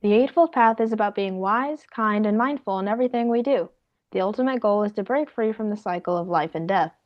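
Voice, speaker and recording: A woman's voice: mid-range voice, a little fast. A young woman reading out a prepared talk as a student presenter in a class. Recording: dull lo-fi sound.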